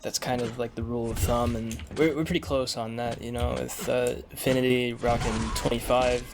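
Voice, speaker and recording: A man co-commentating a live esports match who explains the rules in a measured way. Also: mid-range voice, flat delivery, over music. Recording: noisy stream audio.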